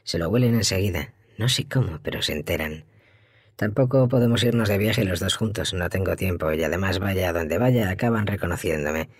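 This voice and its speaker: A man voicing a calm, troubled male actor who speaks in a halting, uncertain, musing way. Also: sits low, no room sound, studio quality. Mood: complaining. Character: troubled male actor, calm, confused about his own guilt.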